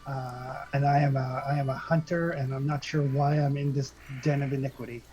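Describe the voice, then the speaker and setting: A man introducing himself casually as a tabletop game player, speaking haltingly. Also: mid-range voice, level tone, dark tone, soft background music. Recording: dull, lo-fi microphone sound.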